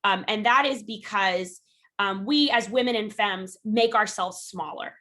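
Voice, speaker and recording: A woman's voice: mid-range voice, measured pace, sharp tone. A woman teaching a self-defense workshop from her home over a video call. She speaks frankly and encouragingly with many "um" fillers, and calls out drill cues energetically. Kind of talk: live online workshop instruction.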